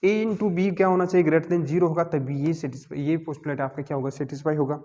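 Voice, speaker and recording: A man's voice: fairly high pitch, fairly even intonation, quick pace, darkish tone. A male math teacher, giving a classroom lecture and constantly asking and answering his own questions. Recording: long hall reverb.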